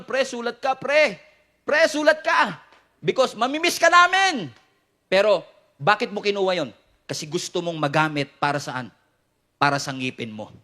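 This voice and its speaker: A Filipino man delivers a sermon with a high, ringing, bright voice. He works the congregation with repeated refrains and direct questions. Playful jokes keep the preaching lively. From Philippines. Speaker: pastor.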